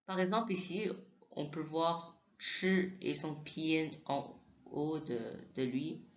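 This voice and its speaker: Slow, hesitant man teaching pronunciation. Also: fairly high pitch, a little hiss or hum. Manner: hesitant, restarts often, repeats sounds aloud for practice. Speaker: Mandarin teacher. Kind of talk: slow spoken lesson with repeated sound demos. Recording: echoey room, slightly dull sound.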